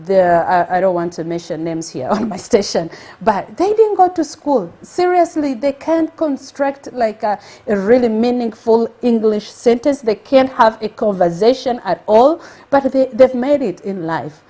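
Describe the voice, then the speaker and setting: Her voice is on the high side with a dark tone, and she keeps a measured pace. The woman, from Uganda and speaking with a Ugandan accent, hosts an energetic motivational live stream, exclaiming and repeating points to drive them home.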